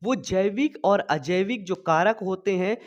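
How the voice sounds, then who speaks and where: High-voiced biology teacher, chatty. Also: male voice, unhurried, highs cut off. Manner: chatty, checks in constantly with "thik hai". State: recovering from a cough, speaking slowly. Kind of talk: online class lecture. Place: small home studio. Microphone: sensitive desk mic.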